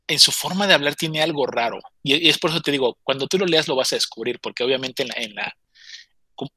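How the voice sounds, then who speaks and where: A man's voice: mid-range voice, pushed and bright, breathy edge, dry recording. A man casually telling a story, chatty and often stammering as he restarts his phrases.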